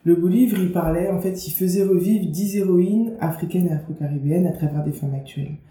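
Interviewed as a guest, a young Guadeloupean author and media founder speaks a little fast in a fairly low, mellow voice. Her manner is casual and chatty, with many fillers and restarts. Faint background noise and a roomy sound fill the recording.

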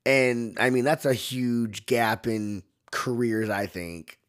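A man's voice: slow, a bit bright. A man hosting a podcast, recapping a movie in a casual, campy way, full of "like" and acted-out quotes. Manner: chatty, campy, fillers like "like"; acts out characters' lines in higher voices. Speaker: podcast host.

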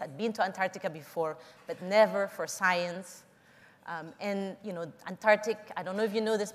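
A middle-aged woman from the Philippines giving an earnest, measured public talk, telling personal stories to an audience. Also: mid-range voice, in a large hall. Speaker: conference speaker.

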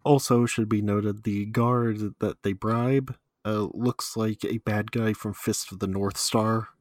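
A man with a fairly low voice trading dry, teasing banter in a casual podcast chat. The sound is dry and close, with no room around it. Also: fairly even intonation, slow, dry recording. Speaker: podcast co-host. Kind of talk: casual chat about an anime.

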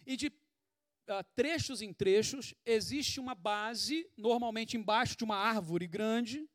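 A Brazilian-accented man preaches a sermon with a conversational, animated delivery, throwing out rhetorical questions as he goes. His voice sits high for a man and is recorded dry and close, with no room sound. He is sweating as he talks. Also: a little slow, no echo. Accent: Brazilian Portuguese. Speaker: pastor.

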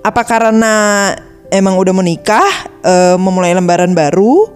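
A woman's voice: medium pitch, expressive, moderate pace, faint music behind. A woman co-hosts a podcast, drawing out her partner with questions and mixing English phrases into her speech. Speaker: podcast co-host. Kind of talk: casual conversational interviewing.

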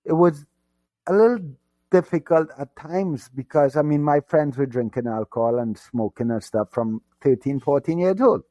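Man from trinidad and tobago, interview guest, reflective, fairly high voice. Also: normal speed, mellow, highs cut off. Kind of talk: conversational interview.

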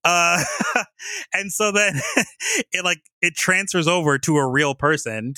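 Bright, dry-sounding animated male podcaster. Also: sits high, slow pace, no room sound. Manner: animated storyteller, acts out quotes, laughs a lot. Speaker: podcast co-host. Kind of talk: casual chat, retelling a funny story.

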